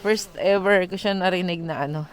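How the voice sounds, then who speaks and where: A woman's voice: lowish voice, moderate pace. A woman in her thirties from the Philippines, a mom and vlogger chatting casually and telling stories with lots of laughter. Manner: chatty, animated storyteller who laughs often. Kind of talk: casual storytelling vlog.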